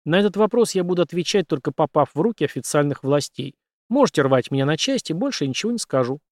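A man's voice: on the high side, animated, quick pace, dry recording, clean studio sound, voice pushed up, close to an everyday voice. A man voicing a captured male officer who answers in a curt, guarded way.

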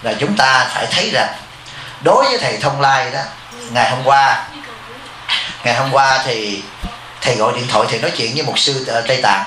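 A man giving a blunt, informal dharma talk to his disciples in a quick, rapid-fire delivery, his voice a little high and very bright. He speaks as a Buddhist abbot, calling himself their teacher. The recording sounds echoey, with a faint hum of noise behind him. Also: expressive. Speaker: Buddhist monk and temple abbot.

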